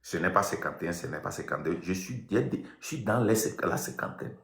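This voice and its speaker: This online activist host, a Togolese man in his fifties, delivers a defiant, emphatic live-stream rant in Togolese-accented French mixed with a local language. His deep, fairly bright voice is expressive and brisk with vocal fry, recorded in an echoey room.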